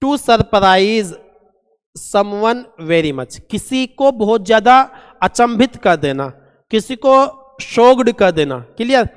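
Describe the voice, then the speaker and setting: Male vocabulary teacher, high smooth voice, repeats and quizzes, hall reverb. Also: lively intonation, slow pace. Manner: repeats words, quizzes students as "beta". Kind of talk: exam-prep vocabulary lesson.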